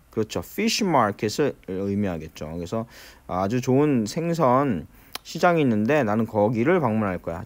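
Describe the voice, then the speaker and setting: Korean guy teaching english, pitch jumps all over, repeats phrases real slow. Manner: explains step by step, slows down to repeat English phrases. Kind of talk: recorded lecture.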